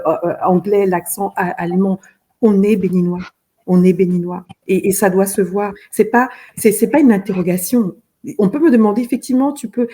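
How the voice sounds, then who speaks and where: In this interview, a woman from Benin who works as a fashion designer talks with earnest intent, middle-aged and husky-voiced. Her mid-range voice has a dark tone, and she frequently repeats words while hunting for what to say.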